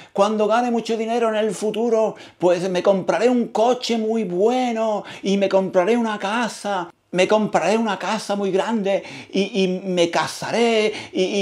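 A high-pitched man from teaches in a theatrical, playful way. He repeats his phrases over and over and leans hard on key words. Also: darkish tone. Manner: repetitive, emphatic, theatrical. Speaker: Spanish teacher.

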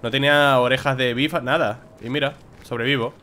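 Bright-voiced Spanish gamer muttering along. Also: male voice, medium pitch, fairly even intonation, brisk, a little hiss or hum. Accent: Spain Spanish. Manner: talks to himself, grumbling and exclaiming. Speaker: gameplay streamer. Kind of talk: casual gameplay commentary.

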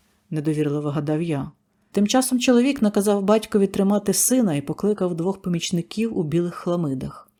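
A man reading a scary story in a tense, measured first-person telling. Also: sits high, darkish tone. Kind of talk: scripted horror narration.

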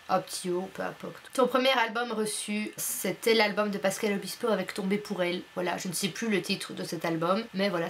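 A woman's voice: medium pitch, slight background noise. Chatty young woman, casual vlog. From Belgium. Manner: chatty, blunt and playful, filler-heavy. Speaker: YouTuber. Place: her bedroom.

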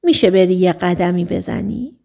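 A woman's voice: on the low side, vocal fry, mellow. Woman voicing a curt callous man. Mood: dismissive. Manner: curt and dismissive. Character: callous bitter man dismissing a dying patient.

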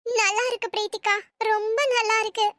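A woman's voice: very high voice, little pitch movement, a little fast, a bit bright, no echo, clean studio sound. Woman voicing a worried, weepy cartoon mother. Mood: tender. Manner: emotional, worried pleading delivery. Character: tearful anxious middle-aged mother of a family. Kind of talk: Tamil cartoon voice acting.

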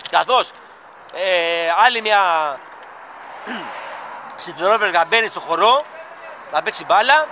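Greek fan vlogger, high voice, eager chat, outdoor site noise behind. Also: male voice, animated, pauses often, bright, forceful tone. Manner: chatty, enthusiastic, addresses viewers as "guys". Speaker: fan vlogger filming a stadium construction site. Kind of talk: casual handheld vlog commentary. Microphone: camera mic, filming handheld.

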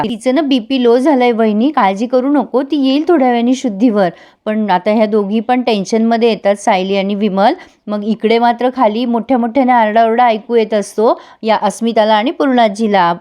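A woman's voice: on the high side, darkish tone. A woman reviewing a TV serial, retelling the episode and quoting each character's lines in turn while speaking to viewers.

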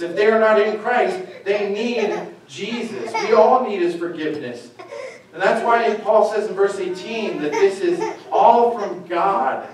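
Earnest high-voiced preacher in echoey church. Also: male voice. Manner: earnest, self-deprecating asides. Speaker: pastor. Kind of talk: sermon. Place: church sanctuary. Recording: echoey church from far off, faint noise.

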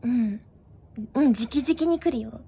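Playful high-voiced woman streamer. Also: unhurried, creaky, warm tone, breathy edge. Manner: playful, giggly, mixes in English. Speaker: live streamer. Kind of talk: casual chat with viewers.

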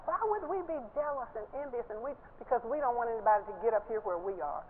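An older woman preaching a sermon from a church stage, lively and laughing as she stresses her points. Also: fast. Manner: animated, laughing, rising pitch when stressing points. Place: large church stage, indoors. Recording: tinny phone-like broadcast sound with faint hiss.

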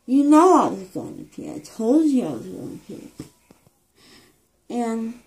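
Dazed, slow-talking young woman. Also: a little high, huge pitch swings, gravelly, a little mellow. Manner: dazed, groggy, rambling after anesthesia. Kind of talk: casual chat. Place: small indoor room, lying on a pillow. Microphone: phone held near, off the speaker.

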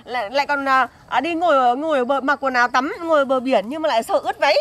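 A woman trades jabs in a comedy skit. Her voice sits high and she talks quickly, teasing and accusing her friend in a gossipy way. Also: a bit bright. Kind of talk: comedic banter.

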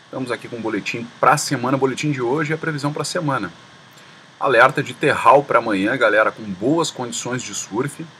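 A man hosting a surf forecast voice-over, relaxed and slangy, talking to viewers as a crowd of friends. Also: medium pitch, a little fast, a little hiss or hum. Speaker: surf report host.

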